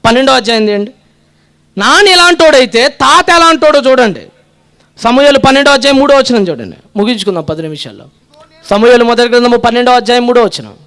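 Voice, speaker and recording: A man delivers a sermon in a strikingly high-pitched voice. His delivery is dramatic: he acts out the lines of the people he quotes, swells into shouts, then drops his voice low. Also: animated, fast. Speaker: preacher.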